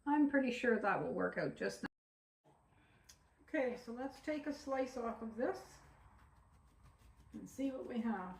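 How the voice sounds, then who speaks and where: A woman's voice: on the high side, lively intonation, unhurried, gravelly, long pauses. Woman, home cook host, friendly and folksy; roomy kitchen echo. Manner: homey, chatty, addresses viewers as folks. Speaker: home cooking channel host. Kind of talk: casual cooking vlog. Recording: roomy kitchen, mic at a distance.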